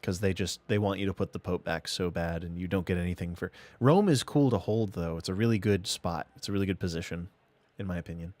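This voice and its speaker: Speaking fast with few pauses, this man has a low-pitched, slightly mellow voice, captured without echo. He's a gaming streamer playing a strategy game live, musing aloud and chatting casually with himself and viewers.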